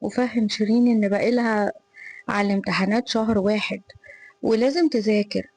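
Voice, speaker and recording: A woman's voice: medium pitch, steady tone, brisk, a little mellow, close to an everyday voice, poor audio. A woman reading the part of a protective older brother in an Egyptian Arabic accent, concerned and insistent.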